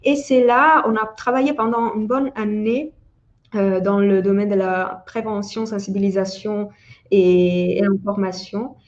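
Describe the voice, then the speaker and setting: A woman's voice: mid-range voice, fairly even intonation, unhurried, highs cut off. A woman from Italy who speaks French with an Italian accent, explaining research as an expert in a webinar, with frequent restarts and hesitations. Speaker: parental burnout researcher.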